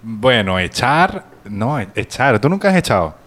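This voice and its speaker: A man's voice: medium pitch, sing-song, moderate pace, a bit bright. A man hosting a podcast in a casual, colloquial and playful way. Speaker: podcast host. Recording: noisy recording with crowd sound and clicks.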